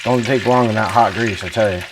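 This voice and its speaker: A man's voice: lowish voice, a little fast, noisy background. A man talking casually to viewers as he cooks in a folksy, chatty way, like a home cooking vlog host. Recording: clear frying sizzle, uneven mic level. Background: sizzling oil in a frying pan.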